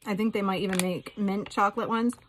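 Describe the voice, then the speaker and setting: A woman's voice: mid-range voice, fairly even intonation, quick pace, noisy background. A woman vlogger talking casually and candidly, in a rambling, informal way. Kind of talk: casual chatty vlog.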